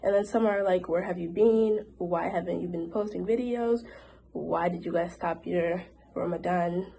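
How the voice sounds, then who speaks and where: A young woman vlogger chats casually to camera in a Q&A, using lots of fillers like "like." She is recovering from a cold, so her voice sounds a little off; it is fairly low in pitch, warm, with vocal fry, at a normal speed.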